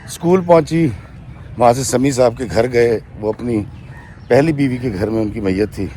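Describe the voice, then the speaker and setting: This man's voice sits at medium pitch with a dark tone, and a little hiss or hum runs under it. Telling a true story to his viewers, he relays a woman's account in her words, frequently inserting "she says" and sometimes calling his audience friends.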